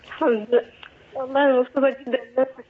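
A woman's voice: high-pitched, level tone, racing, a little hiss or hum. Woman on a choppy, glitching phone line. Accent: Egyptian Arabic. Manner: effusive, showering blessings. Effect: choppy, breaking-up phone audio. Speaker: caller. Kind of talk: phone call to a religious call-in show.

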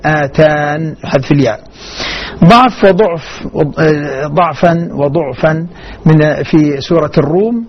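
A man's voice: a little high, husky. A man teaching the readings of the Quran, explaining each difference plainly and chanting short verse examples. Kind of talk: radio lesson on Quran reading variants. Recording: dull muffled radio broadcast.

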